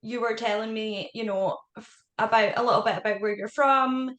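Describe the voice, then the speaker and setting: Scottish woman podcast host, bit high-pitched, friendly, roomy echo. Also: steady tone, moderate pace, a bit bright. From Scotland. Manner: friendly, easy-going, prone to laughing. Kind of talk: casual interview chat.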